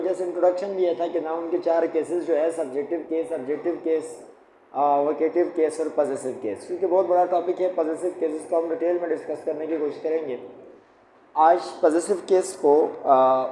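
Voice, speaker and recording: A man's voice: a little high, warm tone. A man teaching English grammar, patiently explaining each step and repeating key points. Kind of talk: classroom lesson at a whiteboard. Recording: echoey room, faint background noise.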